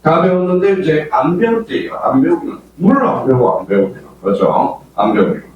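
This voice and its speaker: An older exam-prep lecturer with a Gyeongsang accent fires rhetorical questions at a room of students, his pitch rising and falling freely. He is heard from across a strongly echoing lecture hall with a faint hum behind him. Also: brisk, distant mic, highs cut off. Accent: Gyeongsang Korean. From Gyeongsang region, Korea. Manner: lively, quizzing students with constant rhetorical questions. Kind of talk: classroom lecture.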